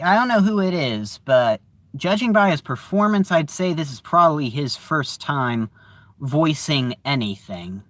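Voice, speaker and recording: A man giving a casual spoken review of a TV series, halting and searching for words with frequent fillers. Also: on the high side, fairly bright tone.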